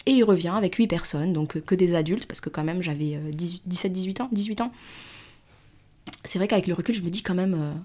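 Lively young woman telling a story. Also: fairly low pitch, fairly quick. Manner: animated, acts out dialogue, chatty fillers. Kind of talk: personal storytelling.

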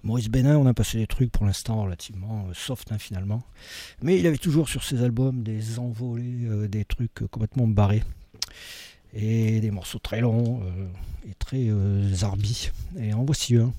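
A man's voice: fairly low pitch, normal speed, dark tone, dry recording. A man hosting a music radio show, chatting casually and rambling with many fillers between tracks.

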